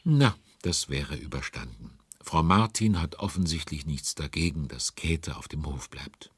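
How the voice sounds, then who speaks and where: Very deep, husky storyteller. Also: male voice, expressive, unhurried, dry recording, heavily acted. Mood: curious. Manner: conversational, wondering aloud. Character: genial male storyteller commenting on events. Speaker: narrator. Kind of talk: scripted narration, German children's audio drama.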